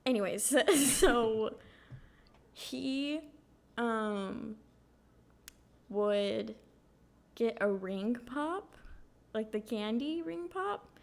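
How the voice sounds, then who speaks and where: A young woman co-hosting a podcast, telling stories in a casual, animated way with lots of fillers. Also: on the high side, extremely slow, gravelly, pauses often. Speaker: podcast co-host. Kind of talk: casual chat.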